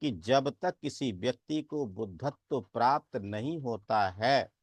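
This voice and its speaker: A man giving a Buddhist dharma talk, deliberate, chanting verses and asking rhetorical questions. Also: medium pitch, lively intonation, no room sound. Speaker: Buddhist teacher.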